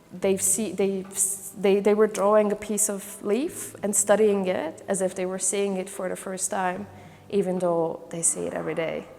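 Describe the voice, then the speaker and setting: Recorded in a large hall, a Hungarian volunteer trainer and career counselor discusses her project in a testimonial interview. Her voice is on the low side and darkish, and she's reflective, often hesitating, using fillers, and starting her sentences over.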